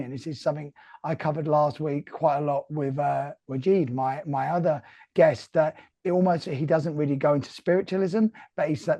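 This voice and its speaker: A man's voice: a little high, warm tone, no echo. A man with a Cockney accent hosting a live online interview, talking in an earnest, reflective way with many restarts. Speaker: host. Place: remote call.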